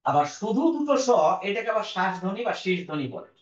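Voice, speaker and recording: A man teaching a lesson, talking slowly and deliberately and drawing out sounds to demonstrate them. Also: high-pitched, very animated. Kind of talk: classroom lesson. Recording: echoey room, dull lo-fi sound.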